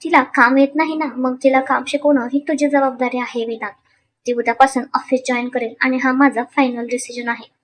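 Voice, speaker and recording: A woman's voice: high voice, little pitch movement, slight background noise, close to an everyday voice. A woman reading a stern old family patriarch. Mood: firm. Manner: firm, measured, grave. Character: stern dignified older man, family patriarch.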